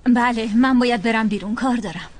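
A woman dubbing an older sister who rushes out and apologizes for her sibling. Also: on the high side, darkish tone, slight background noise, close to an everyday voice. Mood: hurried. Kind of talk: dubbed drama acting.

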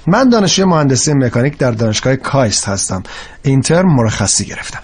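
A man's voice: mid-range voice, big pitch swings, darkish tone, slightly rough. A man voicing a young male engineering-student tutor in a dubbed drama, upbeat but easily exasperated. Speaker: private tutor.

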